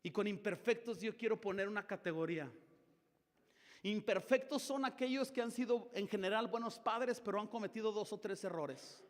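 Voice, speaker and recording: Pastor, male, middle-aged, Mexican Spanish accent, high voice, sermon that acts out dialogues, long church-hall reverb. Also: normal speed. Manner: dramatic shifts of tone, acting out dialogues.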